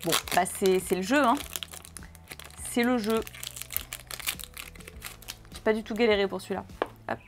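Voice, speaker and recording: A woman hosting a card-opening video, chatting casually, reading out card names in a list and breaking into excited exclamations. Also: mid-range voice, music in the background. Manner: gushing, exclamatory, lists card names quickly.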